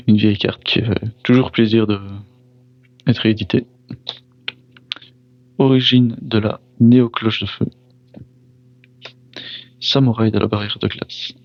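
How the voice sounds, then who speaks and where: A man calmly names trading cards one by one as he opens packs, now and then saying he wanted one, or excusing his pronunciation. His voice sits low. The sound is dry and slightly dull, like a simple home setup. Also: no echo. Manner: reads card names one by one, pausing to react; apologizes for mispronouncing foreign names. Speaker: card pack opener. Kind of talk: casual card opening commentary.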